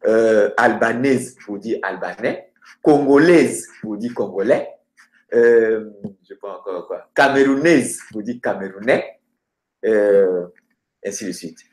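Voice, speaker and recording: A man teaching grammar through lists of words, hesitating often and slowing down for each example. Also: on the low side, darkish tone. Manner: hesitant, many filler sounds, slows down for example words. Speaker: language teacher. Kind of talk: explaining grammar with word lists. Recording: roomy echoey room.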